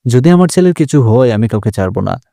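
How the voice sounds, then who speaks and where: Stern middle-aged mother, sharp and demanding, read plainly by a male narrator; low-key dark tone. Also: big pitch swings, fairly quick, creaky, no room sound, studio quality. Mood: angry.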